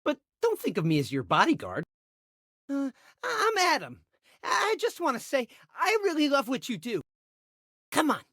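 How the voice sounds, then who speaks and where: Goofy lovesick bodyguard for a game, high voice, swings all over the place. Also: male voice, normal speed, gravelly, no echo, clean studio sound, heavily acted. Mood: awkward, chatty. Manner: excitable, awkward, hammy. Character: eager, lovesick, bumbling young male bodyguard. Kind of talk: animated video game character acting.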